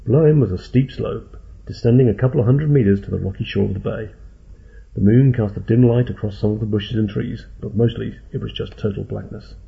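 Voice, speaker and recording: A man's voice: lowish voice, brisk, vocal fry, breathy edge. A man narrating a story in a dry, wry way, in a tinny phone-like recording. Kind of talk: audiobook narration.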